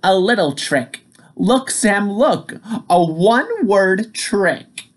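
Cheeky storybook firefly, high and squealing, gleeful, bouncing all over, voiced by the reader. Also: expressive, takes it slowly. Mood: teasing. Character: mischievous excited male firefly, playful and cheeky. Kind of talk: storybook read-aloud.

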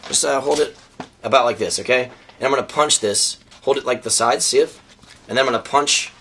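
A young man vlogging about skateboarding, his voice hoarse and worn out, joking at his own expense and rambling with fillers. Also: mid-range voice, brisk, sharp tone, a little hiss or hum. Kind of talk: casual vlog talk to camera.

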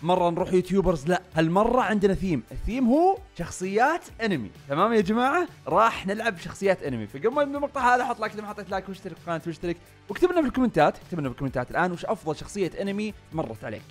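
A young man, streaming a drawing game and chatting excitedly with his viewers, with frequent laughter and shouting. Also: high-pitched, faint music behind. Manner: fast, excitable, bursts of loud laughter and shouting. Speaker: streamer and YouTuber. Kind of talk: excited live-stream gaming commentary.

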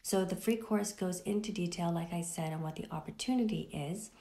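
Woman talking softly w/ low morning voice, half whispering, echoey room at home. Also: fairly quick, creaky. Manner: speaking softly, partly whispered, early morning. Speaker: affiliate marketing vlogger. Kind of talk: casual direct-to-camera answer.

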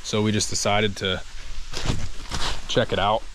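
A twentysomething travel vlogger hikes a volcano trail through the rainforest, talking casually to an action camera at arm's length. His voice is fairly low, flat and unhurried, and the audio carries faint outdoor noise.

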